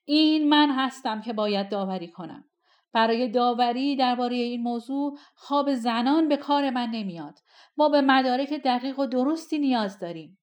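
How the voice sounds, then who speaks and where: A woman voicing a stubborn, angry male sultan who speaks in loud, commanding tones. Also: medium pitch, close to an everyday voice.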